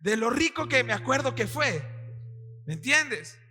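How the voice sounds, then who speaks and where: High, bright-voiced Peruvian pastor preaching. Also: male voice, a little slow. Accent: Peruvian Spanish. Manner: animated, acts out quotes, quizzes the congregation. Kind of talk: sermon. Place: church hall with congregation. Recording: long hall reverb, faint music.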